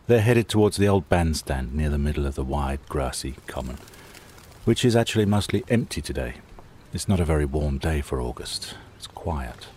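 A man's voice: a bass voice, darkish tone, slight background noise. A man hosting a scripted true-crime documentary podcast, telling the story conversationally in short, suspenseful phrases straight to the listener. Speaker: podcast host and narrator.

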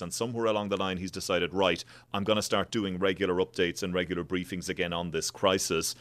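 A man's voice: low voice, a bit bright, dry recording. An Irish man working as a journalist, giving political analysis and putting questions in a broadcast. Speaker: journalist interviewer.

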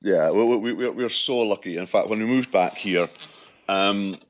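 A man in his fifties from Shetland with a Shetland Scottish accent, chatting as a radio interview guest in a halting way, often repeating words. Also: on the low side. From Shetland, Scotland. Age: 50s.

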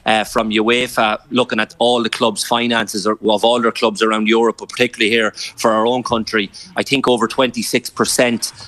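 A man's voice: fairly low pitch, level tone, fairly quick, hardly any pauses, fairly bright tone, no echo. A man with a west of Ireland accent giving football analysis in a live radio interview, stressing points emphatically. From Sligo, west of Ireland.

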